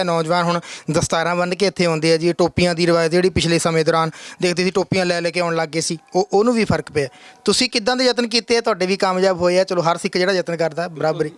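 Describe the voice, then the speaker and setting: A man with a high voice fires off rapid, eager interview questions. His voice sounds smooth and clear, recorded close and dry. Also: no echo. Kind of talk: news channel interview.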